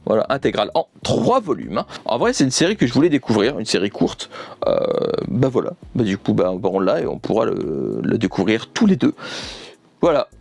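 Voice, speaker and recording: A young YouTuber unboxes manga in a room lined with manga shelves, chatting off the cuff with enthusiasm and often repeating himself. His mid-range voice is creaky and slightly mellow, with no room sound.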